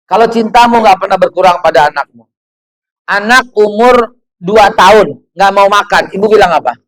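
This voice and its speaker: Male preacher in his fifties, high voice, lively storyteller who keeps asking questions. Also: normal speed, poor audio. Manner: animated storytelling, rhetorical questions. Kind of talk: sermon to women's gathering.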